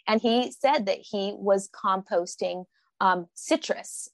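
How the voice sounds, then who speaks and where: A woman's voice: mid-range voice, takes it slowly, no echo. This is a woman from Oklahoma chatting as a podcast guest. She tells stories with energy and slips into voices for the people she quotes. The sound is dry and close to the mic. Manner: animated storyteller, acts out quotes. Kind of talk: casual podcast chat.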